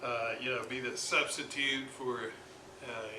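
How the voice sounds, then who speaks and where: A hobbyist radio restorer presents a hands-on repair at an indoor workbench, thinking aloud informally and haltingly. His medium-pitched voice is fairly even and slow, with long gaps between phrases. The amateur workshop recording is roomy, with clear echo and plenty of background noise.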